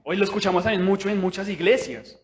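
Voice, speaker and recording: Young guy preaching at church, kinda high voice, chatty, keeps going "no?" and acting stuff out. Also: fast talker. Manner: conversational, with tag questions; animated, acts out inner voices. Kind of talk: sermon.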